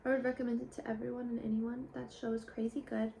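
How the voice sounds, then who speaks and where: A young woman talks through a casual confessional vlog, candid and rambling, now and then sinking into a whisper. Her voice sits a little high with a gravelly fry. A faint hiss runs under the recording. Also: flat delivery, fast, warm tone. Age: young adult. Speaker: vlogger.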